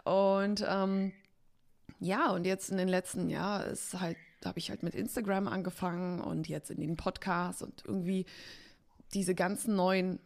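On a laid-back podcast, an agency co-founder from Poland and eastern Germany speaks in a voice on the low side, level in tone, a little slow, and creaky. She's candid and talkative, with many fillers and frequent laughter.

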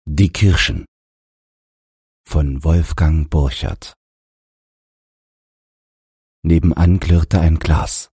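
A man reading a short story aloud as an audiobook in a measured, expressive way. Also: rumbling low, slightly rough, no room sound, clean studio sound. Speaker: audiobook reader. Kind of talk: literary audiobook narration.

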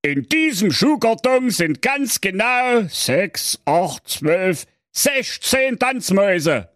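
A man's voice: high voice, very animated, takes it slowly, fairly bright tone, no echo, studio quality, voice pushed up, heavily acted. A man voicing a blunt, hard-hearted father who scolds his daughter in a comic fairy-tale parody. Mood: scolding. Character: gruff hard-hearted middle-aged cheese-carver father.

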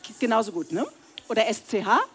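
This voice coach speaks fairly high and fast, with a somewhat bright, breathy quality. She leads a live workshop audience in a seminar room through breathing and humming exercises, modeling each sound herself as she talks to them directly.

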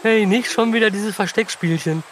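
Kids' audio story: man voicing an upbeat lightning horse, high, bouncy and exclamatory, faint hiss behind. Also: moderate pace, a bit bright. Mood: excited. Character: eager cheerful young male lightning-fast horse. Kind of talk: children's audio story acting.

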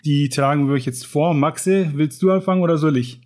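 A man's voice: on the high side, a little fast, darkish tone. A man co-hosting a podcast on writing, chatting casually and enthusiastically, then reading a book passage aloud. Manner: enthusiastic, colloquial, with fillers. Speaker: podcast co-host.

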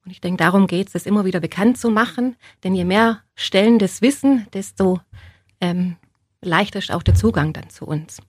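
Woman, interview guest, breathy husky tone, close dry sound, conversational explaining. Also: medium pitch, normal speed, no room sound. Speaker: interview guest, social worker.

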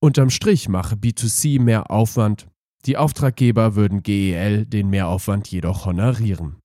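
A man's voice: fairly low pitch, normal speed, warm tone, no room sound, studio quality. A man with a stuffed-up nose from a cold, reading a scripted podcast report as its host. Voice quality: congested, nasal from a cold. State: has a cold.

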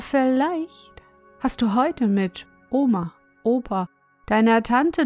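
A woman reads a bedtime fairy tale in a slow, unhurried voice. She speaks gently and soothingly, turning to the child listening. Soft music plays faintly underneath. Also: mid-range voice. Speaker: bedtime storyteller. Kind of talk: bedtime story reading.

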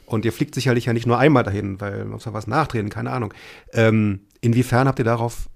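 Male interviewer, quick pace, mid-range pitch, informal and conversational, loosely phrased delivery. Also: steady tone, vocal fry. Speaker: interviewer, host.

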